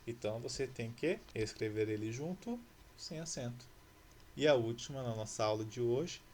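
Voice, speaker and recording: A man's voice: medium pitch, slight background noise. A male teacher from Brazil talking through exercises in a recorded lesson, patiently explaining and asking rhetorical questions.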